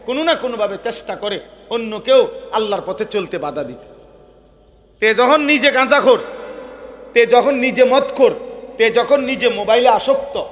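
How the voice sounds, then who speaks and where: A man preaching a waz sermon, his voice pitched high and carried by long reverb. He swings between loud, fervent declaiming and quiet asides. Now and then he mimics the people he scolds.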